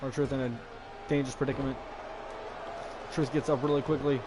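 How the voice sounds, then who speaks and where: A man giving relaxed play-by-play commentary on a wrestling video game he is playing, with fillers. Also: medium pitch, fairly quick, noisy background. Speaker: gaming video creator. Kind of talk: casual let's-play commentary.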